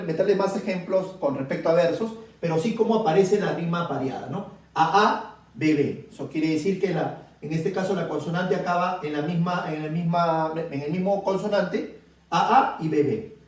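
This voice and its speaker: Male teacher, high voice, recorded from a distance in a very echoey room, who explains slowly and keeps asking "right?". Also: darkish tone. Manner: explains slowly with repeated checks like "¿bien?". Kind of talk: classroom lecture on poetry.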